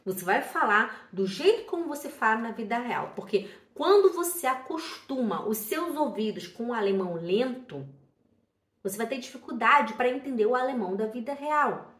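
A Brazilian woman with a fairly high voice speaks in a casual, lively way. She teaches German by telling personal stories and acts out what she and others said. The sound is echoey, like a bare room. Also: normal speed. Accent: Brazilian Portuguese. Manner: lively storytelling, quotes herself and others, many "né?" tags. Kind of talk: casual spoken lesson to camera.

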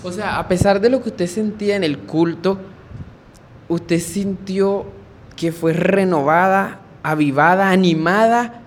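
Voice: mid-range voice, a little slow, a little hiss or hum. An interviewer at a church who asks leading questions and sums up the answers in religious phrases.

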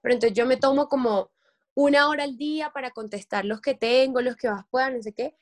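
Young woman, slightly high voice, chatty, interview guest. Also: a little fast. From Colombian Caribbean coast. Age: young adult. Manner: chatty, quotes people in lively voices. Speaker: guest, content creator. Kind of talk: casual interview chat.

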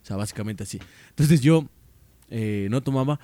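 A young podcast co-host with a medium-pitched voice spins a rambling, slang-heavy story at a moderate pace in a casual chat. He's an animated storyteller who keeps dropping "loco" and "mija," and the recording has no echo.

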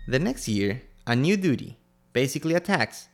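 Lively man. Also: medium pitch, moderate pace. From Ecuador. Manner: reads history facts in turns with small grammar slips. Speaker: co-host. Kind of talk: scripted educational podcast.

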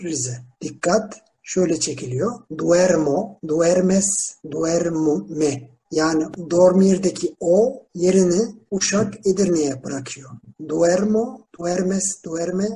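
A teacher giving a slow Spanish lesson in a classroom, spelling words out letter by letter with town names and repeating verb forms. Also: mid-range voice, mellow, slight background noise. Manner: drills verb forms slowly and repeats them. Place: classroom with students.

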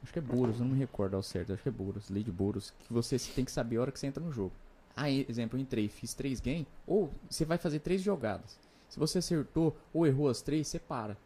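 Fast-talking young man with a mellow voice. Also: medium pitch. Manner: explains with quick asides and examples. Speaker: guest, crypto investor. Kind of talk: casual podcast chat.

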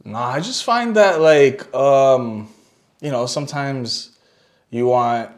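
A young man chats as a podcast guest, relaxed and measured, trailing off into fillers as he thinks. He eats spicy wings between lines, and his pitch sits in an ordinary middle range. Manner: talking while eating spicy wings. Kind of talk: casual chat.

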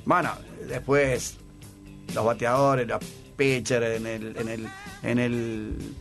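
A man's voice: medium pitch, little pitch movement, slow, creaky, faint music behind. Chatty Rioplatense man telling stories on air. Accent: Rioplatense Spanish. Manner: chatty, anecdotal, repeats words while searching. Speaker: radio guest, former sports broadcaster. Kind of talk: casual radio interview storytelling.

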